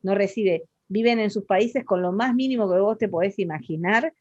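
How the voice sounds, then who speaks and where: A woman's voice: medium pitch, normal speed, a little mellow, no room sound, lo-fi sound. An Argentine woman with an Argentine Spanish accent, talking expressively in a casual interview, with many fillers and restarts.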